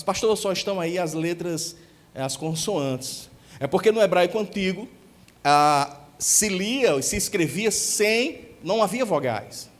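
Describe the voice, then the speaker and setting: A Brazilian man with a northeastern accent, preaching a youth-service sermon as pastor and slowing down to stress sacred names. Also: sits high. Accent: Brazilian Portuguese, northeastern. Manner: teaching, slows to stress holy names.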